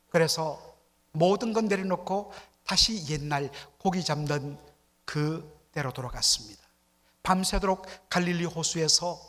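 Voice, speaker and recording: A man's voice: on the high side, fairly bright tone. A man preaching a Sunday sermon as pastor, often asking the congregation questions and acting out dialect jokes. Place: church sanctuary. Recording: long church hall reverb.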